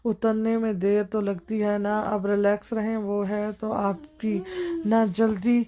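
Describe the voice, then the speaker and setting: A woman's voice: medium pitch, level tone, mellow, lightly acted. A woman voicing a playful young wife who teases her stern husband in a cheeky, mocking way. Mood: soothing.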